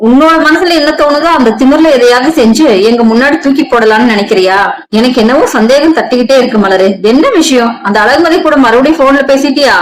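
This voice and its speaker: A woman voicing a harsh, scolding middle-aged mother-in-law who talks in a sharp, scornful way. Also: high-pitched, brisk, lightly acted, poor audio. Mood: angry scolding.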